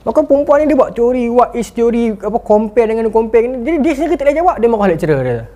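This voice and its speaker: A man giving a motivational lecture, telling stories with animated delivery and acted-out quotes. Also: extremely high pitch, fast talker. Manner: animated storytelling, acting out quotes. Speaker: motivational speaker.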